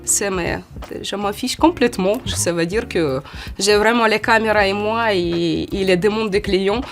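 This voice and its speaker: A woman in her forties from Ukraine with a Ukrainian accent, a model answering interview questions in a halting way, often restarting. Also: medium pitch, soft background music. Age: 40s. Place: photo studio.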